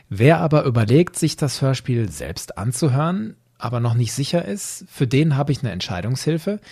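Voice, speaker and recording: With a warm, husky, mid-range voice, the host explains things to his listeners in a solo podcast. He talks to them directly, staying emphatic, conversational and orderly.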